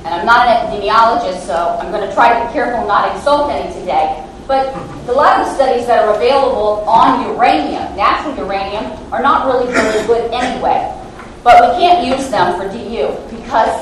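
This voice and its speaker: This is a guest lecture by a woman who works as a lab scientist, holding a microphone in a large hall and talking academically with plenty of fillers, hesitant and self-mocking. She speaks fairly high. Echo fills the room, the microphone sits far away, and a light hiss or hum runs underneath.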